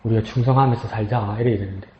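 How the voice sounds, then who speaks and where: A man's voice: lowish voice, fairly even intonation, very fast, noisy background. A man, a pastor, preaching an emotional, storytelling sermon to his congregation and rising into a pleading tone when he voices God's words. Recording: roomy, slightly dull sound.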